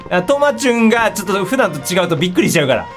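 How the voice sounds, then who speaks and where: A woman giving excitable commentary on a horror game, easily startled, often exclaiming and repeating her words. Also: mid-range voice, rapid-fire. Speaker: game streamer. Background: music.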